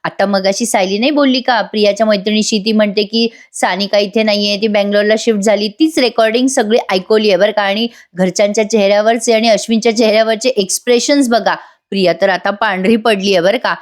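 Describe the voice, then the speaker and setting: A woman's voice: mid-range voice, fairly even intonation, fast talker. Chatty woman recapping a TV serial. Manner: chatty, addresses viewers directly. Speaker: serial review narrator. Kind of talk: voice-over episode recap.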